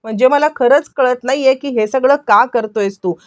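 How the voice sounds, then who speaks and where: Woman doing a sharp scolding mother. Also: high voice, normal speed, no echo, muffled recording, close to an everyday voice. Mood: angry scolding. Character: exasperated middle-aged mother scolding her son.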